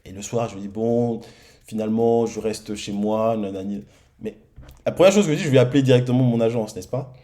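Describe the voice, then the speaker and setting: A man preaching in church, telling his own testimony in a lively storytelling manner and acting out the dialogue. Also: medium pitch, fairly quick. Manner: lively storytelling, acts out dialogue, many repeated starts. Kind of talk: sermon testimony. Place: church hall.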